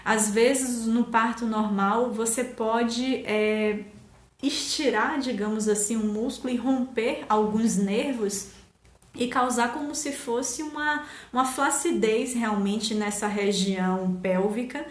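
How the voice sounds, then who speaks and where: In a reverberant space, a woman with a fairly high pitch takes her time explaining things on a live stream; she's a nutritionist from Salvador, Brazil, with a Bahian Portuguese accent. Her manner is casual and hesitant, full of fillers, and she laughs easily.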